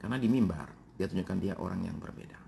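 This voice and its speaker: A man in his fifties, a pastor preaching a sermon, speaking directly to his congregation with frequent pauses and fillers, answering his own questions. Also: low-pitched, creaky, dark tone, a little hiss or hum. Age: 50s. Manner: addresses congregation directly, asks and answers himself.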